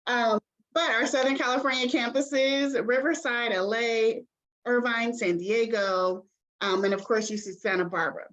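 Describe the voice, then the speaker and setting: A woman's voice: on the high side, fairly even intonation, moderate pace, fairly bright tone, low-quality recording. A woman admissions representative giving an online information session over a video call, chatty and encouraging, with many ums and okays.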